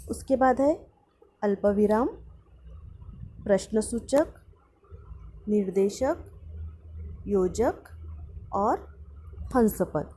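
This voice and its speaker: A woman teacher giving a grammar lesson to students, explaining patiently and slowly repeating example sentences. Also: a little high, dark tone, husky.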